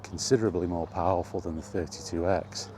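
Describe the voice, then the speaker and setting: A middle-aged gaming vlogger rambles casually about retro gaming in his personal vlog, reminiscing informally. His low-pitched voice keeps a steady tone at a brisk pace, over a noisy background.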